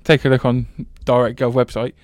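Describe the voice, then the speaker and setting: A man's voice: mid-range voice, fairly quick, dry recording, clean studio sound. Chatty young man. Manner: animated storytelling, laughing. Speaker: co-host. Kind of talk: casual chat.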